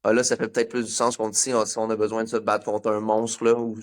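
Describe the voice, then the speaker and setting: Québécois male competitor, relaxed and a bit hesitant. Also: fairly low pitch, fast. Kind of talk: casual interview.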